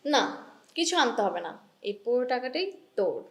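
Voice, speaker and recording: A woman's voice: fairly high pitch, big pitch swings, normal speed. A woman playing a manipulative younger sister in a short-film drama who gives orders in a bossy, coaxing way. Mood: scheming.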